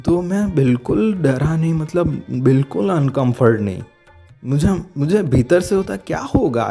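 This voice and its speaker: A man giving a heartfelt personal testimony, halting and searching for words as he speaks, with frequent restarts. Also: medium pitch, warm tone. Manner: earnest and heartfelt. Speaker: devotee sharing a testimony.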